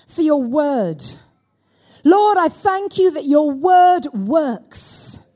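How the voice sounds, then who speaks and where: A woman's voice: sits high, a little mellow. A woman preacher speaking into a pulpit microphone in a church, delivering a sermon and calling out for amens from the congregation.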